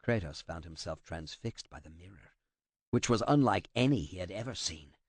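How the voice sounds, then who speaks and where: A man narrating an audiobook with a dramatic, expressive delivery. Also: deep voice, normal speed, husky, dry recording.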